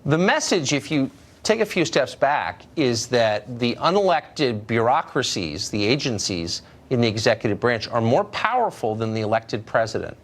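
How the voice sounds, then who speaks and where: A man hosts a cable news segment and frames his questions with pointed emphasis. His voice sits at a middle pitch but rises and falls widely as he leans on key words. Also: very animated, moderate pace. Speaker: TV news host.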